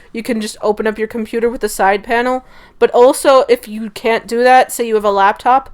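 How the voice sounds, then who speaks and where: A young woman talking casually through a gaming setup tutorial, chatty and often correcting herself. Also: a little high. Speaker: gaming YouTuber. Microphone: desktop USB mic.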